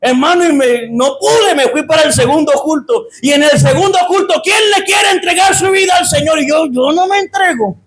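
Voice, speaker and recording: A man's voice: very high voice, fairly quick, hardly any pauses. A Colombian pastor with a Santander accent, a man giving his testimony in church with fervent preaching, keeps calling his listeners brother. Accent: Santander Colombian Spanish. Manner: fervent preaching, often breaks into shouting. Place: church with a congregation.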